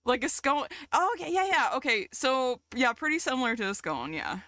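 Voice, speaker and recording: A woman from the South, chatting casually with her stream chat, chatty and quick to giggle. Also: high voice, no echo. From American South. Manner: giggly, chatty, easily excited.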